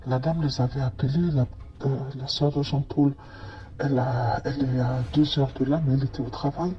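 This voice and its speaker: A man's voice: medium pitch, fairly even intonation, moderate pace, dull audio. Hesitant man telling a story. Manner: hesitant, many fillers and restarts. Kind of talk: first-person testimony narration.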